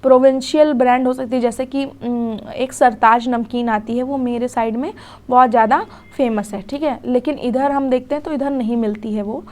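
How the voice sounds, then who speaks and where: A young woman teaching a recorded exam lecture, explaining in Hindi, reading English definitions slowly and often checking in with "theek hai". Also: on the high side, steady tone, a little mellow.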